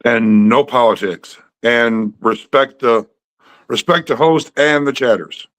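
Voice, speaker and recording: A man's voice: medium pitch, slow pace, fairly bright tone. A man in his fifties hosting a livestream, chatting casually over a video call in an easygoing, reassuring way. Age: 50s. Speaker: livestream host. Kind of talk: casual chat.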